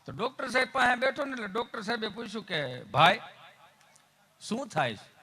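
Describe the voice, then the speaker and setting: Young stage comic, high bright voice, faint music behind him. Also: male voice, animated, fairly quick, slightly rough. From Gujarat, India. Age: young adult. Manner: folksy, acts out characters in his stories. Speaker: stand-up comedian at a folk stage show. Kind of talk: stage comedy storytelling.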